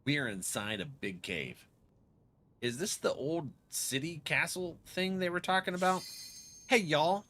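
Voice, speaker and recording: A man's voice: a little high, expressive, unhurried, sharp tone. A man doing casual, slangy gameplay commentary, reacting and joking to himself as he plays. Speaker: video game streamer.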